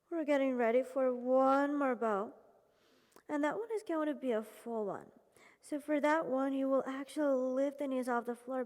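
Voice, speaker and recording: A woman leading a yoga class, giving calm, encouraging step-by-step cues and sounding slightly out of breath. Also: high voice, in a large hall. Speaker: yoga instructor. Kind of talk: guided yoga class instruction.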